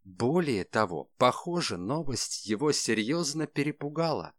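A man reading an audiobook in an even, measured narration voice. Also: mid-range voice, no echo, clean studio sound. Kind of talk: scripted narration.

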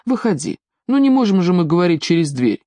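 A woman's voice: lowish voice, very animated, a little fast, dark tone, dry recording, pitched above the performer's own voice. A woman reading a pompous middle-aged male burgomaster who coaxes and snaps in turn. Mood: coaxing. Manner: alternately coaxing and angry.

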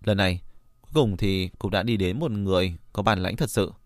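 A male audiobook narrator reads a fantasy tale in a steady, even storytelling manner. His voice sits low. The recording is dry and close, with no room echo. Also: brisk. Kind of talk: scripted narration.

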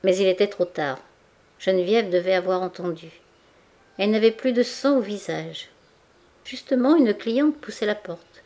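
Woman, audiobook narration, measured, expressive, mid-pitched. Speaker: audiobook reader. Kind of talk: scripted narration.

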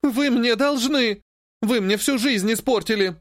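A man's voice: sits high, animated, a little fast, no room sound, studio quality, voice pushed up. A male audiobook reader voicing a capricious, spoiled young noblewoman who whines and sobs at her brother. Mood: sobbing. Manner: whiny, petulant, sobbing.

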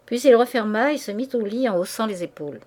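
A woman narrating a classic novel as an audiobook, in a measured, even reading voice. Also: fairly high pitch. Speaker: audiobook reader.

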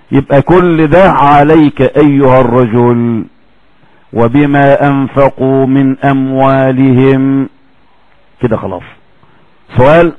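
A man with an Egyptian accent giving a recorded religious lecture in a colloquial, animated way. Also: a little high, no room sound, dull audio. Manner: colloquial, animated, acts out quoted voices.

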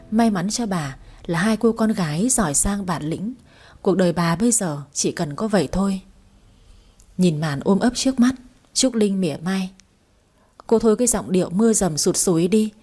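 Mellow, breathy woman reading a story. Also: fairly low pitch. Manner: calm, even storytelling with dialogue voiced lightly. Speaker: audiobook narrator. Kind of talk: storytelling narration.

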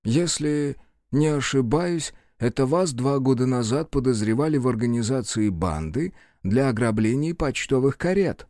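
Man playing fussy middle-aged male official, ceremonious, pleading, lively pitch, dry audiobook recording. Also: normal speed, no room sound, lightly acted. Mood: polite.

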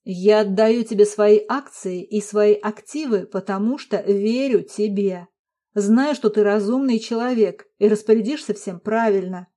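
A woman reading the part of a calm adult husband who speaks gently and persuasively. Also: on the high side, a little slow, close to an everyday voice. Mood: soothing. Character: calm adult male husband, soothing and patient.

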